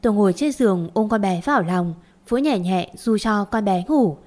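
A woman narrating a first-person audio story with gentle storytelling delivery. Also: medium pitch, expressive, normal speed.

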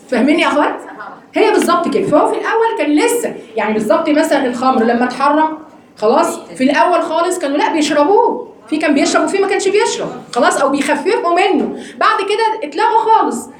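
Egyptian woman teacher, quick questioning delivery, recorded in a reverberant hall. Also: sits high. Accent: Egyptian Arabic. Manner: lively teacher asking the class questions. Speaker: Quran study teacher. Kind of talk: religious lesson to a women's class.

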